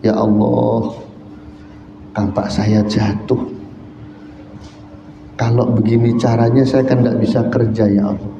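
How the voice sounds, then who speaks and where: A man's voice: on the low side, level tone, slow, gravelly, pauses often, background noise. Man as old poor woodcutter grandpa, honest, pleading, echoey hall. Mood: sorrowful. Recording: echoey hall, dull lo-fi sound.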